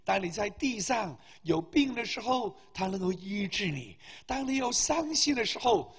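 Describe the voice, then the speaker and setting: A man's voice: high-pitched, animated, normal speed, fairly bright tone, breathy edge. A man preaching and leading prayer before a congregation, with fervent, rising exhortations. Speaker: pastor. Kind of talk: sermon and prayer. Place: church hall. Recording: long hall reverb.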